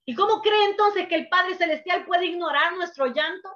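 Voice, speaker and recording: A woman preacher delivering a sermon, emphatic, swinging from hushed to loud, on a dull lo-fi recording. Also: very high voice, normal speed.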